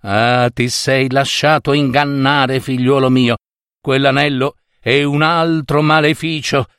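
A kindly, motherly fairy giving counsel in an unhurried, gentle voice. A man voices her close to his own tone as he tells the tale. The recording is dry. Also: medium pitch, level tone, clear, resonant tone, dry recording. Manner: gentle and slow.

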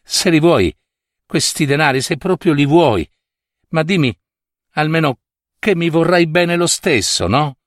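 A man's voice: on the high side, animated, measured pace, pauses often, no room sound, studio quality, pitched above the performer's own voice. A man voicing a desperate pleading young woman. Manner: pleading, passionate.

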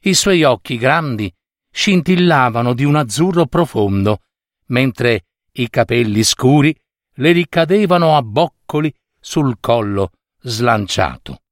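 A man narrates a fairy tale with an expressive, animated storytelling cadence. His pitch moves widely through each phrase. The recording is close and completely dry. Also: unhurried, dry recording.

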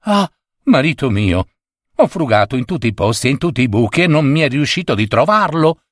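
A man's voice: medium pitch, big pitch swings, brisk, no room sound, clean studio sound, voice pushed up. A man voicing a timid peasant wife in a folk tale, pleading in a raised voice and stammering when scared.

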